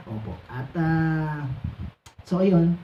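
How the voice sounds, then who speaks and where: A high, thin-voiced man preaches, coaxing and exhorting his congregation with frequent fillers. He sounds set back from the mic in a roomy hall. The sound is dull and muffled, with a faint hiss behind him. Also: animated, very slow. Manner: exhorting, mixing English phrases, many "ano" fillers. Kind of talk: sermon. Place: church hall. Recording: echoey, distant and dull room recording.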